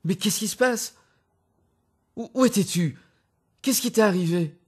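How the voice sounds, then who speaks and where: A man's voice: sits high, measured pace, husky, voice pushed up. A man voicing a frantic wife who pleads with her husband in an anxious, raised voice in a spoken story.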